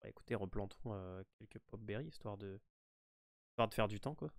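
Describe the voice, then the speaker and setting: A man's voice: fairly low pitch, a little fast, gravelly, no room sound, clean studio sound. A man with a French accent giving a casual, hesitant game walkthrough full of fillers and restarts. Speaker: gaming walkthrough host.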